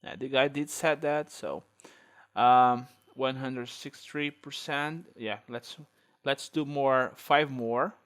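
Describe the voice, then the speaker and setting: A Brazilian tech video host, a native Portuguese speaker with an accent in English, narrates a screen-recorded tutorial while thinking aloud with many fillers. His mid-range voice is steady, slow, a bit bright, clear and resonant.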